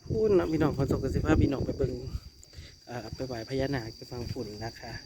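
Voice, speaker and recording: A man with an Isan Northeastern Thai accent narrates a walking tour in a chatty way and keeps calling out to the viewers who follow along. His voice sits at an ordinary middle pitch. Insects chirp and traffic rumbles behind him in a noisy outdoor recording. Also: fast talker. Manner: chatty, constantly addresses viewers as brothers and sisters. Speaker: travel vlogger and tour guide. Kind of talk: casual walking tour commentary. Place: outdoor hilltop temple and viewpoint.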